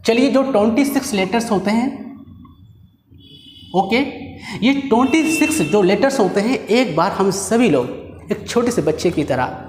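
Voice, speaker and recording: A man's voice: sits high, animated, noisy background. Man teaching in an echoey hall. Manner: explains step by step, often checks in with "okay"; drills letters slowly and invites the class to repeat. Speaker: English teacher. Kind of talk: spoken English lesson. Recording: echoey room with long reverb.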